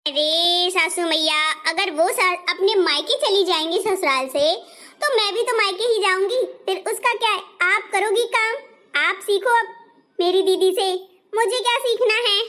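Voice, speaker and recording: A woman's voice: very high-pitched, unhurried, pushed and bright, exaggerated voice. Woman doing a cheeky lazy young bride. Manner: cheeky back-talk. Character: cheeky lazy young daughter-in-law, sharp-tongued. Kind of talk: comic family skit.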